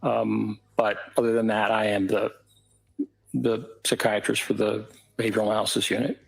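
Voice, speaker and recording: A man giving formal testimony in a courtroom as an expert witness, answering carefully and haltingly. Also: fairly low pitch, level tone, creaky, slightly rough, low-quality recording. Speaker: expert witness, psychiatrist and professor.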